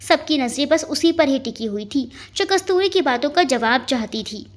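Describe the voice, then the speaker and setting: A woman narrating a romance story in an expressive, dramatic way. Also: high-pitched, moderate pace.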